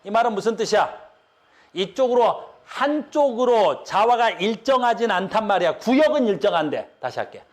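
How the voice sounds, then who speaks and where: A man's voice: high voice, sing-song, moderate pace. A man teaching an online physics lecture in casual speech, often telling students to look and asking whether they understand. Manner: repeats "봐" and "알겠니?" checks to students; casual speech, explaining with drawings.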